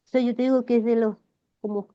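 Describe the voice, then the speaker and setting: On a muffled podcast recording, a woman in her sixties speaks a little fast in a voice on the high side. A flower therapist with a Chilean Spanish accent, she's the interview guest, telling emotional stories with animation.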